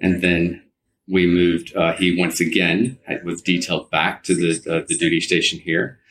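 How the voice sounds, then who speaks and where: Speaking at normal speed with a deep, steady, fairly bright voice, a man in his 50s reminisces as an interview guest. He's American, partly from Alabama and California, and tends to ramble, often going back to rephrase things. The recording is rough.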